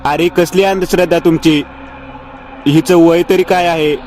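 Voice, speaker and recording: A man's voice: fairly high pitch, level tone, brisk, darkish tone, slight background noise, pitched above the performer's own voice, lightly acted. A man voicing a defiant, hot-tempered young man in a storybook horror tale, raising his voice in anger. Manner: pleading and angry outbursts.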